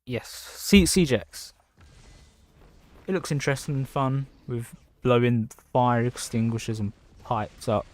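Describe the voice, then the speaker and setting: A man's voice: medium pitch, measured pace. Rambling man chatting on a livestream. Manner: rambling, chatty, reads out viewer messages. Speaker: livestreaming gamer. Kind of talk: casual livestream chat. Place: at home.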